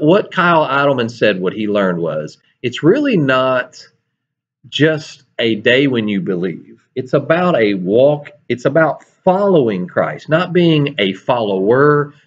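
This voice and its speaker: Storytelling preacher man, muffled audio. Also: mid-range voice. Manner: storytelling, animated, with self-deprecating asides. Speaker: preacher and show host. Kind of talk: casual sermon-style chat.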